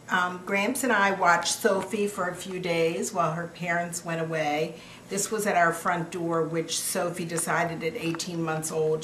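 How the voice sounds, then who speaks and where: A woman's voice: deep voice, fairly bright tone. An older grandmother reminiscing casually over family photos in a sweet, affectionate old-lady manner. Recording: echoey room with clear background noise.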